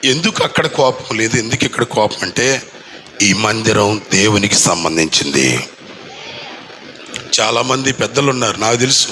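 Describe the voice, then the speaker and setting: A male pastor preaching a sermon at a church anniversary, with fervent repeated rhetorical questions and long drawn-out lines. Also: fairly low pitch, animated, pushed and bright, slight background noise, poor audio. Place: church anniversary gathering in a village.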